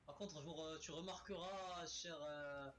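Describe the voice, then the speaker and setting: A man giving excited gameplay commentary as a let's player, exclaiming and swearing at enemies, recorded on a webcam's built-in microphone. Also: on the high side, slight background noise. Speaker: let's play gamer.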